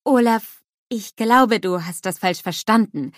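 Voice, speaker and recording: A woman's voice: mid-range voice, unhurried, no room sound, clean studio sound, natural voice. A woman voicing a patient kindly teacher. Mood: gentle. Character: kind, patient female schoolteacher.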